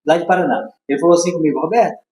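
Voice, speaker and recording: A man's voice: a little high, very fast. A man with a Brazilian Portuguese accent telling a story as a podcast guest, acting out the dialogue with laughs. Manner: animated, acts out dialogue with laughs. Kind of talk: casual storytelling. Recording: echoey room.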